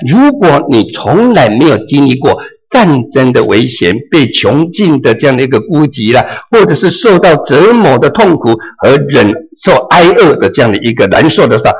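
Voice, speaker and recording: Husky guy preaching a sermon, voice goes up and down a lot, slightly high. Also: poor audio. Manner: lively preaching, acts out a parable's dialogue. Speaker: pastor.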